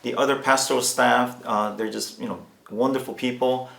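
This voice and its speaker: Korean american guy, pastor, really slow halting talk, mixes korean into english, echoey room. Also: mid-range voice, fairly even intonation, vocal fry, a bit bright. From United States. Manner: halting, thoughtful, with Korean words mixed into English. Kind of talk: informal interview answer in church. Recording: roomy echo.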